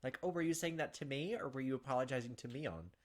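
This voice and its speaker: Over game music, a man hosting a gaming video reads a visual novel aloud and tosses in casual commentary, speaking at medium pitch and a quick pace.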